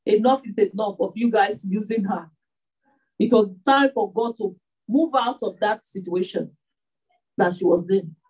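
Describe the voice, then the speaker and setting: A woman delivers a sermon, pressing her points with repeated rhetorical questions. Her voice is husky and mellow, and she sounds set back from the microphone. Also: mid-range voice, distant mic, poor audio. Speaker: preacher.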